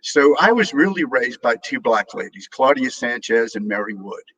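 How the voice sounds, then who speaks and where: Earnest older man with a bright, forceful voice. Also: mid-range voice, animated, normal speed, husky, lo-fi sound. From New Orleans, USA. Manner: earnest, repeats words, uses homely metaphors. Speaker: guest speaker. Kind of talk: inspirational talk on a live video call.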